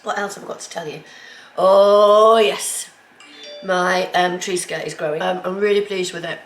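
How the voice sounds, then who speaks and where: Bunged up from a cold, this sewing vlogger speaks at a moderate pace in a lowish, mostly level voice, with faint music playing behind her. She chats and rambles in her home kitchen, dropping lots of ums, and the recording carries the room's echo and faint background noise.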